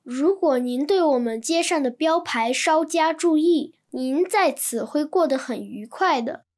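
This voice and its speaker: A woman reading translated textbook sentences in an even, clear manner. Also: high-pitched, unhurried. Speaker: Chinese translation reader.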